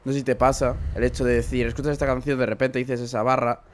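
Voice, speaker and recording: A man hosting a relaxed podcast interview. He talks in a mid-pitched voice, chatty and full of filler phrases. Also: quick pace, a little hiss or hum. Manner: chatty, leans on fillers like "en plan". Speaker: podcast host.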